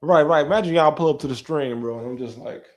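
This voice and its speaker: A young man in his twenties hosts a casual livestream, his voice a little high and fast. He talks in a slangy, relaxed way, answering the chat and chatting to his dog.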